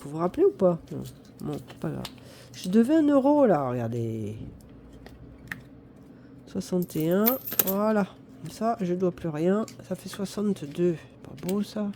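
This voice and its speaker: Casual fifties woman from northern France, talks to viewers and herself while counting money; soft, dark tone, slight background hiss. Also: medium pitch. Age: 50s. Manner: chatty, talks to herself and viewers, counts aloud, self-mocking. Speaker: budget vlogger. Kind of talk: casual talk to camera while doing budget envelopes.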